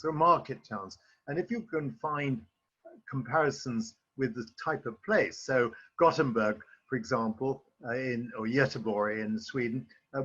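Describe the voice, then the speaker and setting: A man's voice: medium pitch, a bit bright, slightly rough. A man on a webinar panel cutting in to make an assertive point. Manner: assertive, argumentative. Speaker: panel speaker. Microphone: video call. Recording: muffled video call audio.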